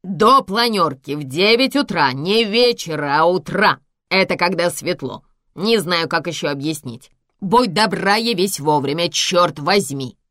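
A woman reading an audiobook voices an impatient male TV producer who shouts orders. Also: mid-range voice, brisk, no echo, clean studio sound, natural voice. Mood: scolding. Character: harried male TV news producer, bossy.

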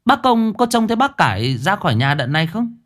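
A man playing a worried young female teacher who calls out loudly in a ghost story reading. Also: mid-range voice, very animated, slow. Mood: anxious pleading. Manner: calling out loudly, anxious.

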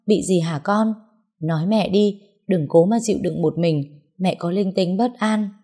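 A woman's voice: on the low side, moderate pace, warm tone, natural voice. A woman voicing a worried mother. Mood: anxious. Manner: anxious, pressing questions. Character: worried middle-aged mother on the phone.

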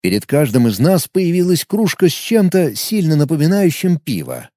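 Animated male audiobook narrator. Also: on the high side, moderate pace, no room sound, clean studio sound. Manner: animated storytelling.

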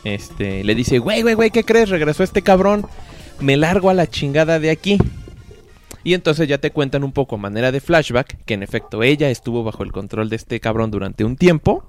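Animated Mexican man recapping a show. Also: mid-range voice, fairly quick, faint music behind. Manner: animated, acts out quotes with lots of slang. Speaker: podcast host. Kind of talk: casual slangy review chat.

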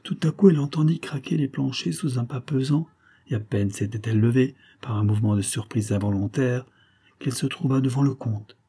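A man narrating a classic novel as an audiobook in a measured, dramatic reading. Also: medium pitch, warm tone, slightly rough.

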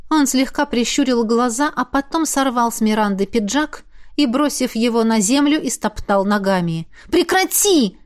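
A woman reading a fantasy novel aloud in steady, measured narration. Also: fairly high pitch. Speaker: audiobook narrator.

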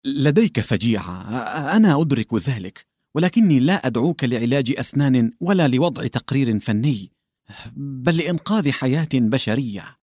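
A man reading as a desperate husband begging for help, his voice urgent and imploring, trembling with emotion. The sound is dry and close, with a mid-range pitch. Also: lively intonation, moderate pace, a little mellow, no echo, close to an everyday voice. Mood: pleading.

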